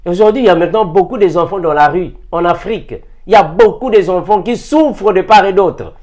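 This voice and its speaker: An African man preaches an impassioned sermon to fellow believers in a brisk, fairly high voice with a darkish tone. He's emphatic, repeats key phrases, and keeps asking rhetorical questions.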